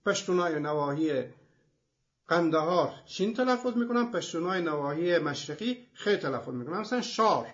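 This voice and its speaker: A high-voiced man gives a methodical, explanatory lecture as host of a language programme. He works through his points one example at a time. The recording sounds dull and lo-fi. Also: a bit bright.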